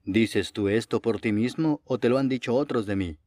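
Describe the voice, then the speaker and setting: A man voicing a calm, solemn male prophet in a Bible reading, speaking slowly and measured. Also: medium pitch, dry recording, clean studio sound, close to an everyday voice. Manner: slow and measured.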